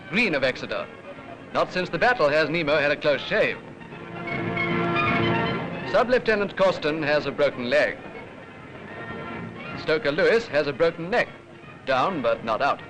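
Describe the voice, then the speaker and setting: Man, British accent, 1940s newsreel narration, raised pitch, declamatory, clear background music. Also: expressive, moderate pace, long pauses, low-quality recording. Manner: formal, rhetorical, declamatory delivery.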